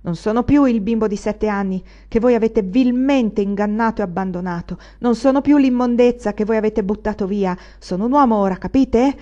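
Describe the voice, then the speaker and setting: A woman reading an audiobook, voicing a proud, violent young man who shouts in furious, hammering repetitions. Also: mid-range voice, normal speed, muffled recording, lightly acted. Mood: rabbioso.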